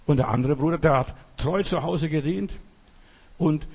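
Husky-voiced male preacher. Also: fairly high pitch, a little fast, highs cut off. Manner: emphatic preaching, acts out quoted voices. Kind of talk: sermon.

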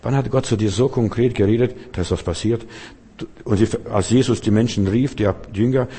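A man's voice: lowish voice, normal speed, warm tone, husky. A man preaching a sermon in an emphatic, searching way. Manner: emphatic, acts out quoted voices. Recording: long hall reverb.

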